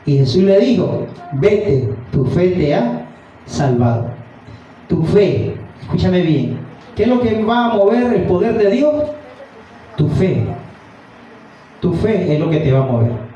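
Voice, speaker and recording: A man's voice: high-pitched, big pitch swings, unhurried, long pauses, warm tone, slight background noise. A man preaching a fervent evening sermon, reading scripture aloud and calling his listeners brother. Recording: dull, roomy sound from a distant mic.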